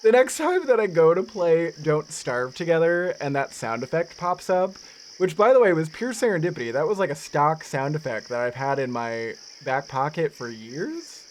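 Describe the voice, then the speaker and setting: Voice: medium pitch, lively intonation, moderate pace, slight background noise. A streamer giving casual live commentary on a cozy game, playful and goofy, chatting to viewers. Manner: playful, goofy, talks to chat.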